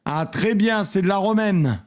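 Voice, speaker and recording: A man hosting a casual reaction commentary, sarcastic and self-mocking, often trailing off into quiet muttered asides. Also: high-pitched, a little slow. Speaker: host reacting to cooking videos.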